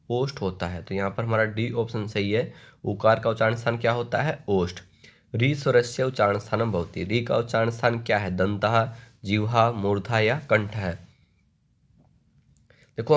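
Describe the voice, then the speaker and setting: A man leads an online exam-prep lesson in a fairly low voice. He reads each question aloud, then recites the word forms in slow, rhythmic lists. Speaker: Sanskrit exam tutor.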